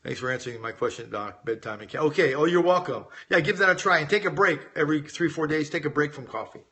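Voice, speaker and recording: A middle-aged American weight-loss coach who grew up in Las Vegas hosts a casual live-stream Q&A, reading viewer questions and answering them informally while speaking directly to his audience. His voice is on the high side, bright and forceful, and he talks fast.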